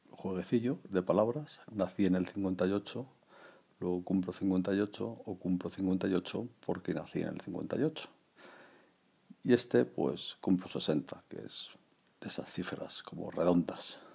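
Gravelly low-voiced man around sixty. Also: normal speed, warm tone. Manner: rambling, reflective, many fillers and restarts. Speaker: podcast host. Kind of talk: casual personal monologue.

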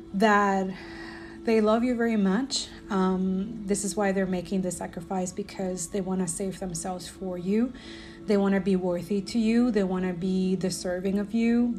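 A woman's voice: medium pitch, darkish tone. Earnest woman hosting a spiritual podcast. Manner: earnest, repetitive, often ends with "right?"; rambling with many fillers and restarts. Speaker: podcast host.

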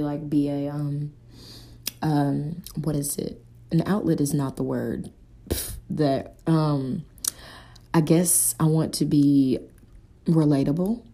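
A woman's voice: low-pitched, creaky, dark tone. A young woman, hosting a solo podcast in a rambling, casual stream of consciousness, often hunting for words. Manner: rambling, searching for words, filler-heavy. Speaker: podcast host.

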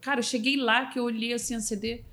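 A woman's voice: a little high, flat delivery, fast talker, pushed and bright. Lady telling her life story on a podcast, kinda emotional, lots of "sabe assim". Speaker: podcast guest, motivational speaker. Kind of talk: personal story in casual interview.

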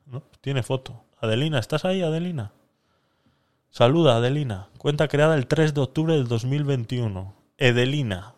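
A man's voice: mid-range voice, lively intonation, moderate pace, a little mellow. A man hosting a live-stream podcast, chatting casually with viewers while he talks himself through a giveaway. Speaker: livestream podcast host.

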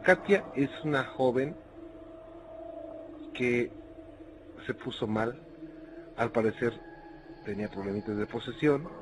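A man's voice: mid-range voice, takes it slowly, pauses often, noisy background. A man hosting a paranormal radio call-in show, talking to callers in a soothing, reassuring way.

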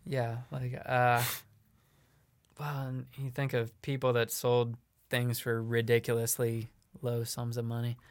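A man's voice: medium pitch, completely flat delivery, a little slow, no room sound. A man chatting casually as a podcast guest, rambling with lots of fillers and frequent laughs. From Illinois. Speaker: podcast guest, comedian and show producer.

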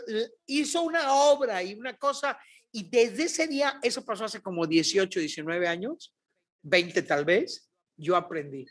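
Mexican lady preacher telling her story on a podcast, animated, mid-pitch voice. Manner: animated, acts out dialogue. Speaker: guest prophet.

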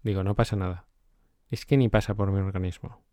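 Male host, low mellow tone, casual storytelling chat. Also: fairly quick, no room sound, clean studio sound. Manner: animated, storytelling with quoted asides. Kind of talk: casual chat about a self-help book.

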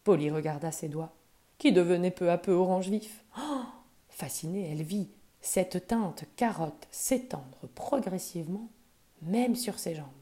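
A woman gently reading a children's wisdom tale aloud, soft and expressive. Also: fairly low pitch, unhurried. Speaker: storyteller.

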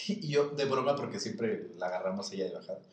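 A young man with a Mexican accent tells stories in a lively, up-and-down voice, breaking into laughter and acting out the people he quotes. He sits back from the mic in a room with plenty of echo. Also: fairly low pitch, fast, recorded from a distance. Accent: Mexican Spanish. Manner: animated, laughs often, mimics voices in anecdotes. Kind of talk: casual storytelling chat. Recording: echoey room, voice a bit off-mic.

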